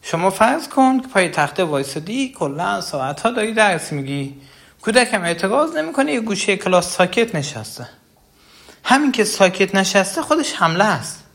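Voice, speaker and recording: A man's voice: high voice, sing-song, vocal fry, a bit bright. A man giving an earnest talk on parenting, explaining with everyday examples and speaking straight to the listener. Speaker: parenting educator.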